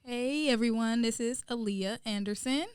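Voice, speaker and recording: A woman's voice: a little high, normal speed, smooth, no room sound, studio quality. Confident young woman student. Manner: friendly, confident, laughs easily. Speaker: student guest. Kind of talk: casual podcast interview.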